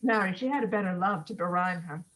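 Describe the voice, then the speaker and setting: A woman's voice: lowish voice, fast, fairly bright tone, natural voice, rough recording. A woman playing a witty, mocking young nobleman, giving the verse a theatrical, teasing delivery. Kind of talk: Shakespeare stage reading.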